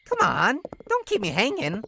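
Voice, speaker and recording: A woman's voice: fairly high pitch, huge pitch swings, normal speed, gravelly, pushed and bright, a little hiss or hum, full character voice. A woman playing a playful, flirty demon jester for a visual novel horror game, teasing and sweetly menacing in a theatrical way. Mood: teasing, gleeful. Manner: theatrical, teasing, swinging from singsong chirps to sinister purrs.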